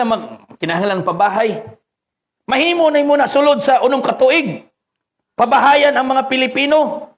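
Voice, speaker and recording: Male Filipino pastor, high voice, fervent sermon delivery with sudden drops to a hush. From Philippines. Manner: preaching, mixing Cebuano and Tagalog with English scripture, rising to fervent peaks.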